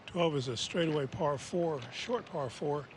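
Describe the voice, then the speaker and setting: A man's voice: on the high side, measured pace, background noise. A man giving live golf commentary in short, descriptive, conversational observations.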